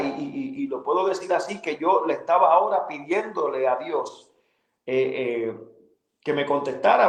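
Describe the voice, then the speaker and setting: Earnest man giving a halting testimony. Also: a little high, echoey room, poor audio. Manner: halting, full of fillers and repeated words, earnest. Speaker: guest sharing a personal testimony.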